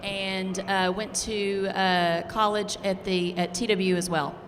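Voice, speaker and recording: A woman's voice: medium pitch, flat delivery, slow pace, slight background noise. A woman from Texas, an instructional coach, speaking hesitantly with many fillers. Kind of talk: conference interview. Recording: reverberant hall.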